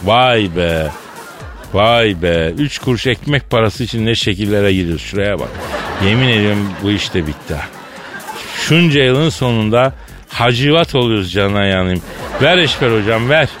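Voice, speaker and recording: A man's voice: fairly low pitch, lively intonation, moderate pace, over music. A man hosting a comic radio show, bantering and acting out a mock phone call.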